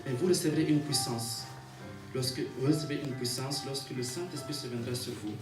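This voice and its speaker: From a distance in an echoey room, a medium-voiced male preacher delivers a sermon that includes scripture reading, with music clearly audible behind him. He stumbles a bit when reading aloud, and he repeats and rephrases his lines in a rhythmic way, calling out for amens.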